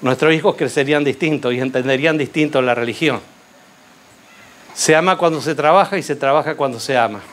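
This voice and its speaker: A man preaching a sermon, telling a Bible story with rhetorical questions and lively storytelling. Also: a little high, brisk, slight background noise.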